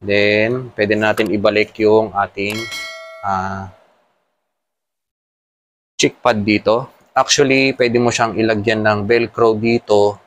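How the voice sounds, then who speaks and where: A man with a Filipino accent, working as a motovlogger, gives a casual hands-on tutorial, explaining each step while mixing Tagalog with English terms. His lowish voice moves slowly with fairly even intonation and frequent pauses.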